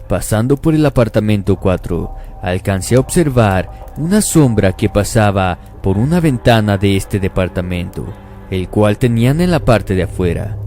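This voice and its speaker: A man narrating a first-person horror story at a slow, calm pace. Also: lowish voice.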